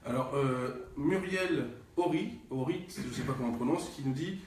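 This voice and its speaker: A man's voice: medium pitch, brisk. A man hosting a live stream, asking guests questions and reading viewer comments aloud. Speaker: host. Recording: distant echoey room sound.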